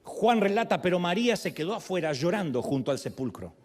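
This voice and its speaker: A male pastor preaching a sermon, telling the story with animated storytelling and acting out the people he quotes. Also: high-pitched, a little fast.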